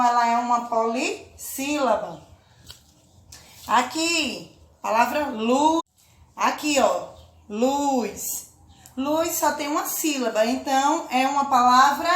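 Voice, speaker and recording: A woman teaching a children's lesson, speaking slowly and patiently, drawing out words and often checking in with her listeners. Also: sits high, expressive, a bit bright, roomy sound. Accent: Brazilian Portuguese. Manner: slow, patient, drawn-out syllables with check-in questions. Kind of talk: children's lesson, clapping out syllables.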